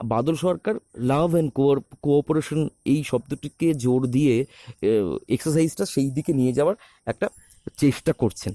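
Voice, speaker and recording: A theatre director and actor talking reflectively, with many pauses and restarts, recorded on a phone. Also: male voice, fairly high pitch, warm tone, dry recording. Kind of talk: recorded talk on a podcast.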